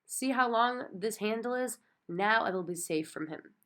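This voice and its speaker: Bossy little girl, eager and pushy, pitched up high; a woman puts on the voice. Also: animated, a little slow, fairly bright tone. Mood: excited. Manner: eager, insistent, repeats herself.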